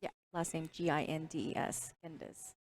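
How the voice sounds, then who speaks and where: Chatty lady doing pool commentary, english not her first language, kinda gravelly and lowish. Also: animated, normal speed, darkish tone. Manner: chatty, laughs at her own jokes. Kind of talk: casual stream commentary.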